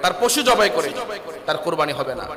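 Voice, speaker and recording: High-voiced Bangladeshi preacher in echoing mosque. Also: male voice, big pitch swings, a little fast. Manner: exhorting, prompts listeners to answer back; recites Arabic verses within the talk. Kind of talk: Eid sermon in a mosque. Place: large reverberant mosque, congregation behind. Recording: echoey mosque PA with crowd.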